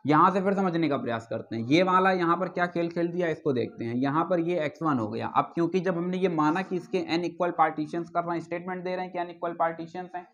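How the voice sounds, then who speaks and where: A male maths teacher giving a classroom lecture, often asking if students follow and dictating definitions slowly. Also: a little high, highs cut off. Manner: keeps asking if students follow, repeats key terms. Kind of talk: classroom lecture on real analysis.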